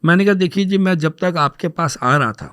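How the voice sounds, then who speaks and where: High-voiced man telling a personal story. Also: smooth. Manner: anecdotal, mixes English words into his speech; animated, acts out dialogue when retelling. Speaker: podcast guest telling his story. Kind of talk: casual podcast storytelling.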